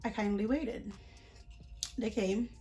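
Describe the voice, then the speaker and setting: A young woman tells a story to her vlog audience in a casual, indignant voice. She talks in quick runs of retold dialogue with plenty of fillers and restarts. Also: mid-range voice, fairly even intonation, warm tone, soft background music. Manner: indignant, chatty retelling with many fillers. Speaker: vlogger.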